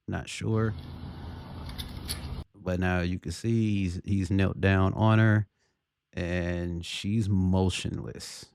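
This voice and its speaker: A man giving casual opinion commentary on a video, deliberately, often checking for agreement with rhetorical questions. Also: deep voice, creaky, darkish tone, no echo, clean studio sound.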